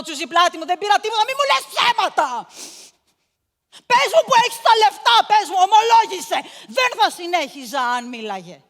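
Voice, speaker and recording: An actress playing a cruel, domineering mistress of a house, cold and contemptuous, breaking into shouts, in a stage monologue. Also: female voice, high-pitched, long reverb tail. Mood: frenzied.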